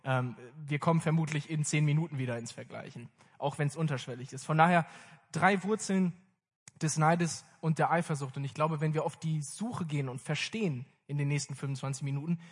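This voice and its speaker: A young man preaching a sermon in a casual, lively way, speaking directly to his congregation. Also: on the high side. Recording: long reverb of a hall.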